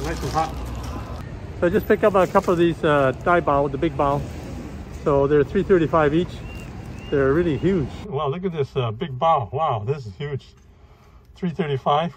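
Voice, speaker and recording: A man hosting a casual food vlog and cooking demo, speaking easygoing and pausing often with "uh" as he explains. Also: medium pitch, a little hiss or hum. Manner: easygoing, frequent "uh" pauses while explaining. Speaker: food vlogger.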